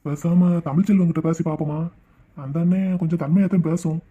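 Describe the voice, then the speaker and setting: Cartoon: a man playing a meek tea seller, quick and high-voiced, dull lo-fi sound. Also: a little mellow. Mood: fretful. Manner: pleading, fretful. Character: meek adult male tea shop owner. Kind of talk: cartoon voice acting.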